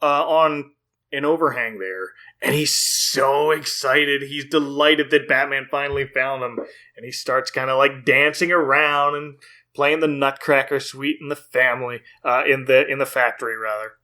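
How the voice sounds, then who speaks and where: This male podcast host sounds bright and forceful at a medium pitch. Chatting casually through an episode recap, he's clearly having fun, full of energy and frequently breaking into laughter.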